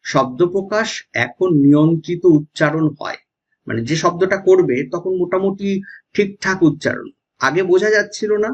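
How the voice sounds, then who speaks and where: Husky-voiced Bengali teacher explaining. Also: male voice, high-pitched. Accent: West Bengal Bengali. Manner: explanatory, often checks with "ঠিক আছে?". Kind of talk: exam-prep lecture. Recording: dull lo-fi sound.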